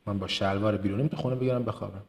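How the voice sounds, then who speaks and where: A man from Kerman with a slight Kermani Persian accent, giving a motivational business lesson as a trainer. He speaks with emphasis, repeats words for stress and rattles off quick lists. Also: on the low side, steady tone. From Kerman, Iran.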